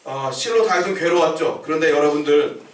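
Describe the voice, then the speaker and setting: A man's voice: a little high, a little fast. A male pastor preaching a sermon in Korean, talking in a conversational way and often asking the congregation questions that he answers himself. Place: church sanctuary. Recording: echoey church room, mic at a distance.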